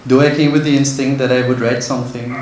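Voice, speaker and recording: Speaking quickly in a level, medium-pitched voice with a darkish tone, an author reads his prepared literary speech, earnest and visibly nervous. The recording comes from a very echoey indoor venue with faint background noise.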